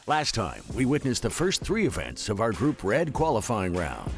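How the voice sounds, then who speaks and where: Male sports voice-over, lowish and animated, music bed underneath. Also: normal speed. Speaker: sports broadcast narrator. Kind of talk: scripted sports narration.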